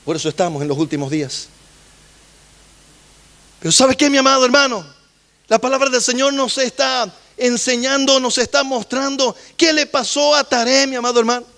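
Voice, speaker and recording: High-voiced man preaching a sermon. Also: normal speed, pushed and bright. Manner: preaching, repeatedly addressing the congregation. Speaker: pastor.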